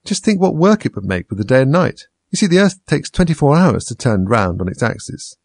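A man's voice: mid-range voice, big pitch swings, a little fast, darkish tone, no echo, voice pushed up. A man voicing Alice, a timid, polite young girl who asks earnest questions.

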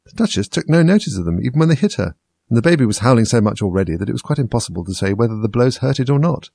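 A man narrating a storybook in a lively, expressive reading. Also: mid-range voice, racing, gravelly, husky.

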